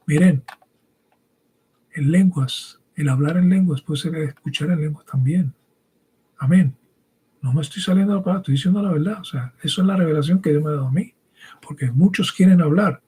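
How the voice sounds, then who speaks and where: A man raised bilingual in English and Spanish preaches a didactic, emphatic teaching sermon that includes scripture reading. His voice is a little high, warm, and slightly rough, and he often checks in with listeners through short rhetorical questions.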